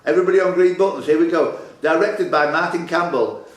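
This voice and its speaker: A brisk man with a fairly high voice hosts a live pub quiz in an indoor club room, reading questions and teasing contestants. The room is echoey, and background noise is clearly audible.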